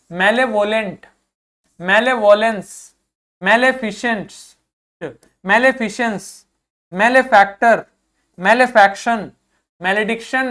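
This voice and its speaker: A man's voice: high-pitched, a bit bright. Man drilling pronunciation, word by word. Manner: repeats each word several times, slowly, for learners to copy; mixes English words into Hindi instruction. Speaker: teacher. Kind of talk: vocabulary lesson with pronunciation drills.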